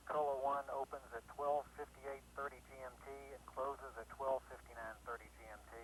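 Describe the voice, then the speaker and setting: Guy on launch control intercom, quick clipped procedure talk, bit of radio noise. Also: medium pitch, fairly bright tone, poor audio.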